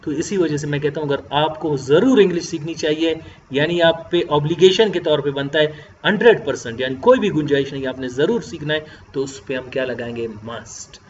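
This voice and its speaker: A man teaching English grammar in a classroom-style lecture, explaining in Hindi-Urdu and reading English example sentences slowly and deliberately. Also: fairly high pitch. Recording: dull lo-fi sound with faint background noise.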